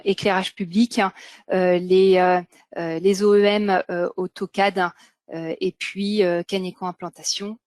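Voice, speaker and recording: A woman's voice: medium pitch, a little mellow, no echo. A woman presenting product pricing in a company webinar over a web call, with many fillers and repeated words. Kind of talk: sales information in a webinar.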